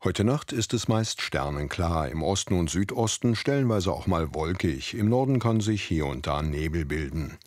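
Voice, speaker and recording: Deep-voiced man giving the weather. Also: animated, moderate pace, few pauses, a little mellow, faint music behind. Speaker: weather presenter. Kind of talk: weather forecast.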